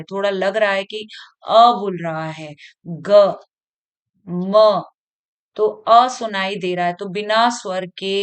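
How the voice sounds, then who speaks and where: A woman teacher speaks slowly and patiently in a smooth, clear voice, pitched in the middle. She sounds out letters one at a time for young pupils in an online grammar class. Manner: slow, patient, repeats key sounds aloud. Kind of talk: online grammar lesson for children.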